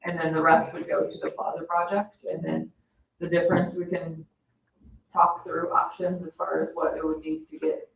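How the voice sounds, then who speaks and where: Deep and creaky, this woman's voice is flat in delivery and moves at normal speed as she explains matters in a businesslike way. She's a financial advisor at a public meeting in an indoor municipal room, captured by a distant mic in a dull, echoey recording with faint noise.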